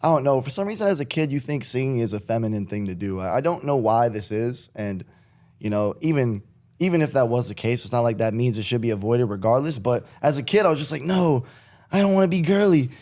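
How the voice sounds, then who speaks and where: A young man from Connecticut talks as a podcast guest, loose and rambling, often breaking into laughs. His voice sits at an ordinary middle pitch, and he drifts through long stories without hurry. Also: expressive, fast talker, darkish tone. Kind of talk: casual chat.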